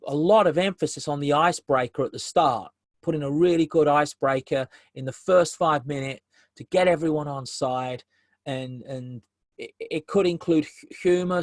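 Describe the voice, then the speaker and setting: Male webinar presenter, slightly high voice, conversational, repeats key points, dry close sound. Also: no room sound.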